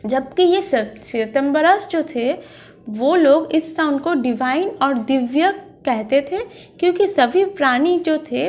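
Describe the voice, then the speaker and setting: A woman history lecturer, giving an exam-prep lecture, reading lines slowly and then explaining them in Hindi. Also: sits high.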